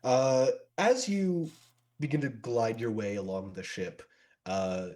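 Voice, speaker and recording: A man's voice: mid-range voice, takes it slowly, warm tone. A man running a tabletop game as game master. He describes scenes at length, with many fillers and restarts. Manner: descriptive narration with frequent fillers.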